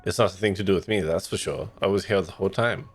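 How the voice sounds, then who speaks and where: A man's voice: sits low, quick pace, soft background music, close to an everyday voice. A man voicing a dim, defensive nanny character in a detective game, dopey and evasive. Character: slow-witted, defensive dumb-guy nanny in cartoonish game.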